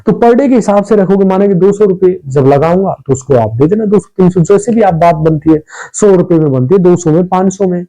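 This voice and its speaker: Man, casual business advice, quick and repetitive, slightly high, mellow. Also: dull audio. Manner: rapid, repetitive, addresses viewers as brother. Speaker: business ideas channel host. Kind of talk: casual advice talk to camera.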